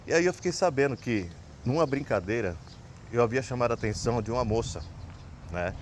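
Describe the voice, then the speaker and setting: With lively intonation and a brisk pace, a medium-pitched man from Brazil shares a personal story on his vlog, rambling casually and finishing sentences with "né?". His accent is Brazilian Portuguese, and a little hiss or hum runs underneath.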